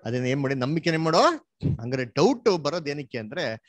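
A man leading a Bible study with a somewhat high voice, recorded close and dry with no room sound. He keeps asking his listener questions and prompting her for answers. He mixes English words into his teaching. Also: a little fast, no echo. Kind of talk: interactive Bible study lesson.

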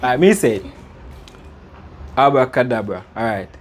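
A man's voice: mid-range voice, a little slow. A man in his thirties with a Jamaican accent, giving casual, playful magic-trick patter with repeated instructions, like an amateur party magician. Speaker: prank vlog host performing magic trick. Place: outdoors on a small concrete porch. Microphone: camera a few metres away. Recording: background noise, outdoor ambience.

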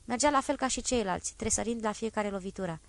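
A woman voicing a grave male exile who recounts an execution in a low, even, measured tone. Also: no echo, lightly acted. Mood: somber. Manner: measured, somber retelling.

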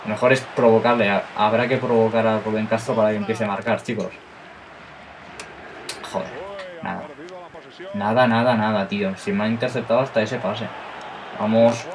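Excitable young Spanish man commenting his own match. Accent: Spain Spanish. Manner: excitable, bursts into high shouts at chances and goals; talks to viewers as "chicos" between plays. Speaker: gaming YouTuber. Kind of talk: live gameplay commentary.

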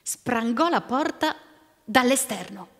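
Expressive woman telling a folk tale. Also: a little high, takes it slowly, vocal fry. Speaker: storyteller. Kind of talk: live folk tale narration with music. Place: live performance in a convent hall. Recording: long reverb of a stone hall.

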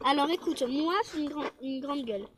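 A woman improvises a toy-figure role-play, talking in a rambling, hesitant way. Her voice sits high. There is clear noise behind her on this home recording. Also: brisk.

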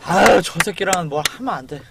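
A man streaming a game and chatting, swearing and shouting at a friend to get lost. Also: sits high, lively intonation, quick pace, gravelly, noisy background. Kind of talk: live game stream chat.

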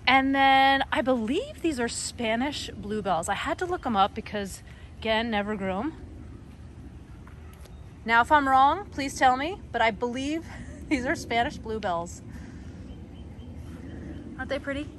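Walking viewers through her backyard garden, a middle-aged American garden blogger talks with a high, fairly bright voice and lively intonation, though she goes a little slowly with long pauses. The phone recording, made outdoors, carries a slight hiss or hum. She's chatty and enthusiastic, full of fillers and small laughs.

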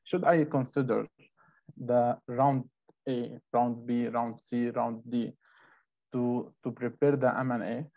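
A man's voice: mid-range voice, steady tone, slow, gravelly. A man from Syria asking a hesitant question over a video call, repeating words as he goes. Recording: muffled video call audio.

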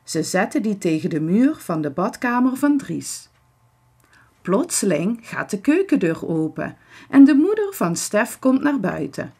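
A woman's voice: medium pitch, big pitch swings, measured pace, mellow, breathy edge. A woman reading a children's book aloud expressively, switching into voices for each character. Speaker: storybook reader.

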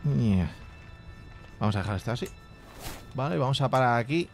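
A man's voice: mid-range voice, animated, normal speed, vocal fry, soft background music. A man giving casual, profanity-laced commentary while playing a strategy game. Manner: chatty, swears freely, reads game text aloud. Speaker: gaming youtuber. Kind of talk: casual let's play commentary.

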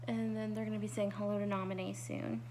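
A woman's voice: mid-range voice, little pitch movement, quick pace, noisy background. A woman chatting casually to her viewers in a family vlog at home, rambling with fillers. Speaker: family vlogger. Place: home, indoors.

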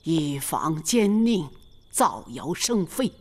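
A wise old matriarch speaks in a low voice with a slow, unhurried delivery. Her pitch moves widely as she gives calm, commanding instructions to her family. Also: full character voice. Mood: calm instructing. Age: older. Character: wise old grandmother, head of a noble family. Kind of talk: historical TV drama acting.

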